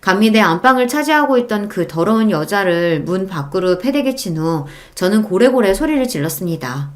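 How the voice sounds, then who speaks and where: A woman's voice: medium pitch, expressive, normal speed. A woman narrating a first-person audiobook story in an indignant, emphatic tone.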